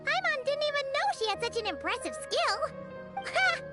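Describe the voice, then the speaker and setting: A woman voicing a tiny, excitable female companion sprite in a video game, who chatters in a squeaky voice and talks about herself in the third person. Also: moderate pace. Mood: excited. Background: soft game music.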